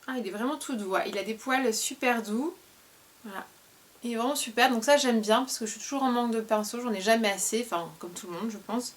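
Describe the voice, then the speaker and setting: Chatty French woman with a high voice. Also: fairly quick. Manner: chatty, hesitant, many fillers. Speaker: beauty vlogger. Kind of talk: casual unboxing review.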